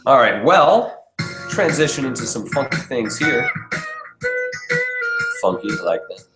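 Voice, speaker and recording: A man hosting a podcast in an almost empty basement, chatting in a relaxed, rambling way and chuckling often, his voice echoing off the bare room. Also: mid-range voice, slow pace, over loud music. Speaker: podcast host. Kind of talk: casual chat.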